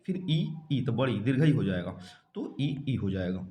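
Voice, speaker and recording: A man's voice: medium pitch, sing-song, moderate pace, dark tone, roomy sound. A man teaching an exam-prep grammar lesson, explaining step by step and asking and answering his own questions.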